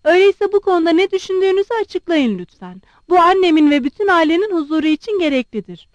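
A proud, blunt young woman fires off pointed questions in a high, bright, lively voice, voiced by a woman reading a story. The sound is dry and close. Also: no echo, dull audio. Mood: sharp demanding. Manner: sharp, demanding, quick questioning.

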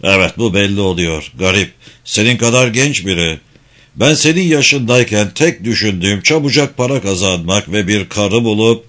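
An aging general full of regret, as a male narrator puts him on, speaking in a low, measured voice that rises and falls freely. He sounds reflective, like an old man weighing his past in a storybook. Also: lively intonation, fairly bright tone. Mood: earnest.

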